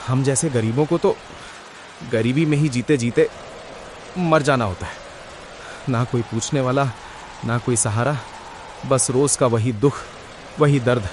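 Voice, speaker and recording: A man's voice: medium pitch, measured pace, pauses often, a little hiss or hum, close to an everyday voice. A man voicing a poor village husband in a cartoon who laments his fate and flares up when accused of grumbling. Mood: bitter.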